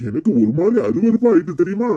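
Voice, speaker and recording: Casting: a man playing a sly village uncle in a cartoon, husky, dark, lively pitch, Kanyakumari Tamil accent, dull lo-fi sound. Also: fast. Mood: self-righteous. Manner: sly, tattling, self-righteous. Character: scheming middle-aged village uncle, sly accuser. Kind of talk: cartoon comedy voice acting.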